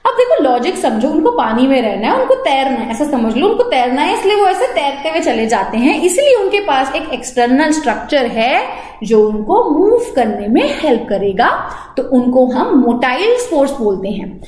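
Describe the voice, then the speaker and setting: Lively high-voiced woman biology teacher, Indian accent. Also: normal speed, roomy sound. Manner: mixes Hindi and English, asks and answers her own questions. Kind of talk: online class lecture.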